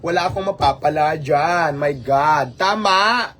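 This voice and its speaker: A man's voice: on the high side, normal speed, slightly rough. A man hosting a casual livestream, talking animatedly and rhetorically, mixing in English phrases. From Philippines. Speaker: livestream host.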